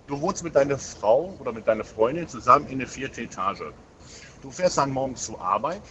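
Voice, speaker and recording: A man's voice: medium pitch, fairly bright tone, a little hiss or hum. Hesitant man in his forties, dull sound. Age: 40s. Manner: rambling, emotional storytelling with many hesitations. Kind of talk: casual chat.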